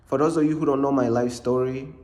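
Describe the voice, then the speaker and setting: A man's voice: medium pitch, fairly even intonation, brisk, darkish tone. A young man from Uganda telling a rambling storytime vlog about his faith, peppering his talk with "bruh" and "bro.". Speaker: faith vlogger.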